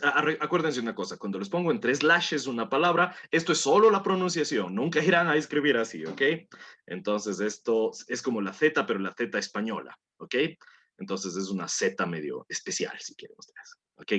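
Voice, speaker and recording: A man's voice: mid-range voice, lively intonation, normal speed, pushed and bright. A man teaching a language class, patiently coaxing students through pronunciation drills and repeating words for them to copy. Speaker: English teacher.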